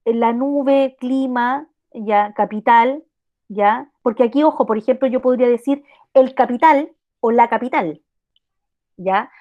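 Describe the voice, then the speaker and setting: A woman's voice: on the high side, measured pace, lo-fi sound. Chilean woman teaching a class. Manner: explanatory, checks in with rhetorical questions. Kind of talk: online class lecture.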